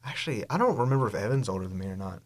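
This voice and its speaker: A twenty-year-old man hosting a podcast, chatting casually with quick jokes. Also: fairly low pitch, animated, no echo. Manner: joking, quick-witted. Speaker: podcast host.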